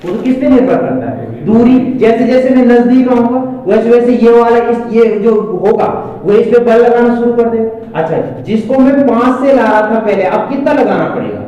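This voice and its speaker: A male physics teacher lectures a class in a high, mellow voice, stopping again and again to ask his students if they follow. He is picked up from a distance in a very echoey classroom with a long reverb. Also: muffled recording. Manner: keeps asking the class questions to check understanding.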